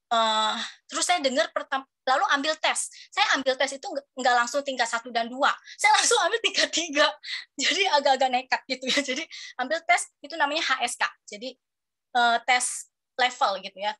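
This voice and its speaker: A woman in her thirties preaching to young people in a lively, chatty way. Her voice sits high and sounds bright and forceful. She keeps asking the room questions to draw them in. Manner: animated and chatty, asks the audience questions. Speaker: youth preacher. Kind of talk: lively youth sermon.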